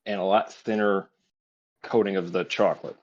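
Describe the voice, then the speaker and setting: A man with a lowish voice, explaining theories and tossing in dry wisecracks during casual podcast chat. His mic sounds dull and lo-fi. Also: steady tone, normal speed. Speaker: podcast co-host.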